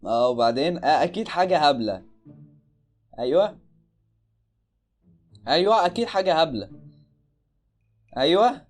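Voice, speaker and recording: A man's voice: fairly high pitch, expressive, normal speed, long pauses, soft background music. A man with an Egyptian accent giving casual, joking reaction commentary on videos, exclaiming in disbelief.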